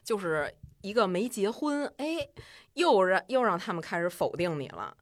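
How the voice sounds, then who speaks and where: A woman's voice: mid-range voice, normal speed. Chatty woman with a Beijing accent. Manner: chatty, colloquial, animated retelling. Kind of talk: casual personal storytelling.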